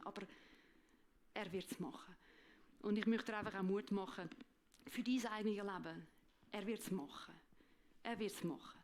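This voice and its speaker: A woman with a Swiss German accent giving an emotional, halting faith testimony, often repeating words. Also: medium pitch, darkish tone. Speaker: guest speaker.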